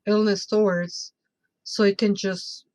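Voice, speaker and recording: A woman's voice: medium pitch, takes it slowly. Woman telling a personal story conversationally. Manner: expressive, conversational, often checking in with "right?". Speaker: podcast guest.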